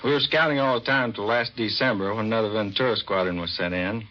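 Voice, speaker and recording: Heard through the dull sound of a 1940s radio recording, an American man who serves as a navy commander delivers a plain, scripted interview. He talks fast in a lowish voice.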